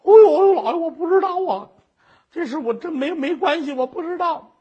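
A man's voice: very high-pitched, expressive, normal speed, lo-fi sound, pitched above the performer's own voice. A male storyteller voicing a frightened older woman who wails and pleads her innocence before a judge. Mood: pleading. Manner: wailing, pleading.

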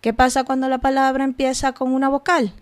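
A woman's voice: sits high, completely flat delivery, fairly quick. A woman hosting a podcast, explaining step by step in a casual way with asides and rhetorical questions. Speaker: podcast host.

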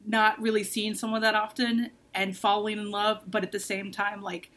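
A woman nearing thirty talks openly in a casual book discussion. She is frank and intense, and her speech is full of "like" fillers. Her voice sits at an everyday middle pitch. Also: flat delivery, normal speed, a bit bright. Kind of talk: casual book-club chat.

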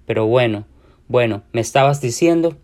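A man's voice: mid-range voice, moderate pace, a little mellow, lightly acted. A man voicing a chatty, distracted, flirty divorced woman friend, drawing out her breezy words.

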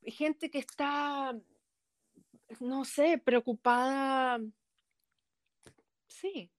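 A woman's voice: high voice, steady tone, very slow, dry recording. A woman. She answers in a casual interview, hesitantly feeling for the right words. The sound is dry and close. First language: not a native Spanish speaker. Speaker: interviewee, Airbnb host.

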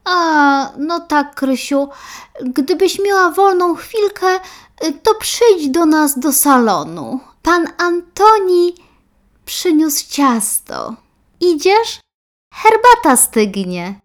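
A woman doing an old mother, high sing-song voice, sweetly coaxing, unhurried. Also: big pitch swings, exaggerated voice.

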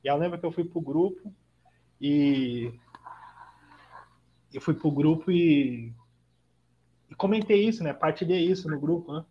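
A man's voice: on the high side, a little slow, long pauses. A man on a podcast telling a recovery story in casual conversation, acting out the dialogue and often adding tag questions. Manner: animated, acts out quoted dialogue, frequent tag questions. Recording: dull lo-fi audio with faint noise.

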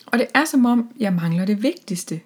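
A woman's voice: mid-range voice, animated, breathy edge, pitched above the performer's own voice. A woman reading as the lonely eagle mayor. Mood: wistful. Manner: gentle storybook dialogue. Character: lonely male eagle mayor, kind but downcast.

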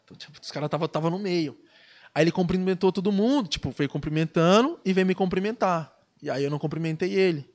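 A man's voice: sits high, quick pace. A Brazilian man, a guest surfer on a podcast, telling a story in casual, slangy speech and acting out the dialogue. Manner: animated, slangy, acts out quoted dialogue.

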